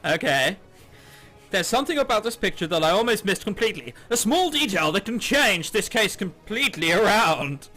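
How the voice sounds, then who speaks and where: Over game soundtrack music, a gaming video series host reads a visual novel aloud, dropping amused, sarcastic, sweary asides. His high voice is sing-song and sharp, at a normal speed.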